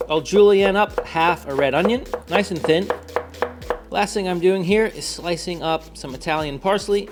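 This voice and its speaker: A man's voice: a little high, noisy background. A man hosting a casual home cooking video, chatting to his viewers as he works. He stays upbeat and slips in jokes. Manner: upbeat, joking, talks to viewers. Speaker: cooking show host.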